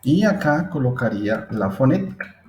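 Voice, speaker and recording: This man teaches English phonetics in a screen-recorded lesson, his medium-pitched voice sing-song and his speed normal. He works through the material step by step, patiently explaining and frequently checking on his listeners, with a roomy echo around him.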